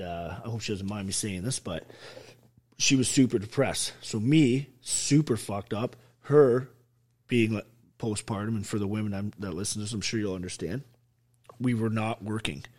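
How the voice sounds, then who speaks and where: A middle-aged army veteran, a podcast guest, telling a painful personal story bluntly, with constant swearing and raw emotion. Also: male voice, lowish voice, moderate pace, a little mellow. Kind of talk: candid interview storytelling.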